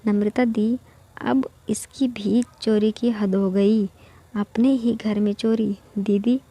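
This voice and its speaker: A woman voicing a scheming young daughter-in-law who sounds politely accusing, in a mellow, even reading. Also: medium pitch, takes it slowly.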